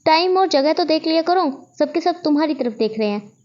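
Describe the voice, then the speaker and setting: A woman's voice: sits high, animated, fairly quick, darkish tone, highs cut off. A woman voicing a bossy, exasperated teenage schoolboy who scolds his friends. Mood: scolding.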